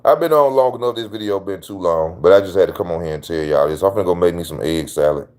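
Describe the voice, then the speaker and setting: This is a man with a lowish voice talking straight to his channel's viewers. His commentary is casual and slangy. He drives his points home by repeating them. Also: fast talker, darkish tone. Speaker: channel host.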